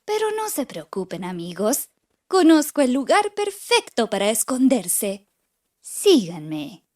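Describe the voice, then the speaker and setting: A woman's voice: on the high side, wildly swooping pitch, takes it slowly, a little mellow, exaggerated voice. Sly scheming fox, a woman voicing him. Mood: coaxing. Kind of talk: storybook character voice.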